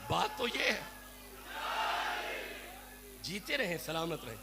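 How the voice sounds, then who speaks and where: A man's voice: sits high, big pitch swings, vocal fry, a crowd in the background. A Pakistani man with a Punjabi accent preaching a devotional sermon to a gathering, fervent and pleading as he addresses his listeners directly. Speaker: Sufi preacher. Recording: noisy live recording with hum.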